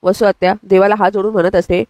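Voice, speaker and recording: A woman narrating a recap of a television serial episode in a brisk storytelling manner. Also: mid-range voice, little pitch movement, a little mellow, dry recording, muffled recording. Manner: brisk storytelling, reading quotes plainly.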